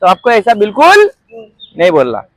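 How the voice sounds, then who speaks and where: A man runs a sales training seminar in a strikingly high voice. He keeps firing questions at the room and waits for the crowd to answer back. The sound is dry, with no room echo. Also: huge pitch swings, moderate pace. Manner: quizzes the audience constantly, asks for call-and-response. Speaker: network marketing trainer. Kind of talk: interactive seminar talk. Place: training room with a group audience.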